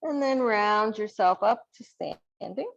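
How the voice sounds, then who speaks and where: Gravelly-voiced woman leading yoga. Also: mid-range voice, measured pace, muffled recording. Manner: calm, encouraging cueing of poses. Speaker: yoga instructor. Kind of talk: guided yoga class instruction.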